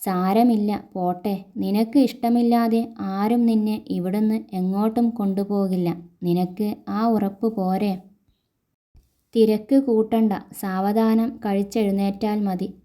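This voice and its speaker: Gruff young drinker, read by a woman storyteller, rough-spoken but kind, mellow tone. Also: mid-range voice, steady tone, a little slow, close to an everyday voice. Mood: gentle. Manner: blunt and rough, turning gentle.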